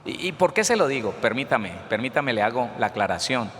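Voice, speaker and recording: A man preaching a sermon with fervor, calling out to the congregation and rising to shouts at times. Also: medium pitch, big pitch swings, a little fast, big-room sound, slight background noise. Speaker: pastor.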